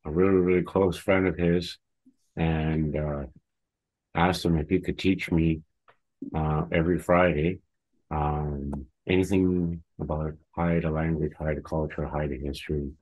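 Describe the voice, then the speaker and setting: A man with a very low, deep voice tells a story as a radio guest. His speech is halting and unhurried, with frequent pauses while he gathers his thoughts. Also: flat delivery, darkish tone, poor audio. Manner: halting, hesitant phrasing. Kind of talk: casual spoken storytelling.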